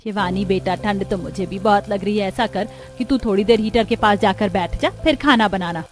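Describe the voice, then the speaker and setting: A woman's voice: medium pitch, moderate pace, soft background music, lightly acted. A woman voicing a caring but firm middle-aged mother-in-law in a narrated family story.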